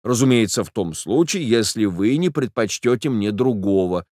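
A man voicing a gentle, earnest young suitor who speaks softly, slowly and solemnly. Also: on the low side, animated, no echo, studio quality. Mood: tender. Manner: soft, slow and solemn.

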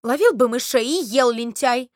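An exasperated cook fusses and exclaims in a high, lively voice, as a woman reads her out. Her complaints come dry and close to the mic. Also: moderate pace, no room sound, lightly acted. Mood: scolding.

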